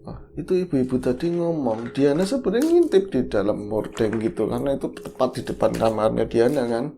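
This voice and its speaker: A man, hosting a podcast and telling a story in casual chat, animated and acting out the characters. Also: mid-range voice, brisk, creaky, a little hiss or hum. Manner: animated, acts out characters in quotes.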